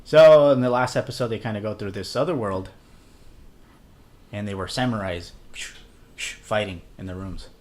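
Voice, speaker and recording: A man's voice: fairly low pitch, normal speed, pauses often, darkish tone. A young man co-hosting a casual podcast, rambling with fillers and trailing thoughts. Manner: rambling, hesitant, lots of fillers. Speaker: podcast co-host. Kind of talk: casual chat.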